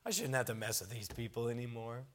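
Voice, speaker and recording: A man's voice: mid-range voice, steady tone, fast talker, voice pushed down, close to an everyday voice. A man playing a fed-up weary leader. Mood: exasperated. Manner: complaining, sarcastic. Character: weary exasperated male leader fed up with his people.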